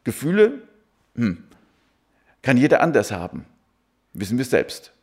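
A man's voice: medium pitch, wildly swooping pitch, unhurried, husky. A man preaching a sermon who keeps asking his listeners rhetorical questions.

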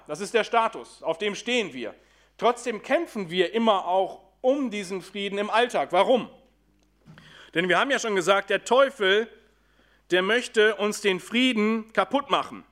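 A man preaching a sermon to a congregation, asking questions and answering them himself, and slowing down when he quotes scripture. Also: high voice, a bit bright.

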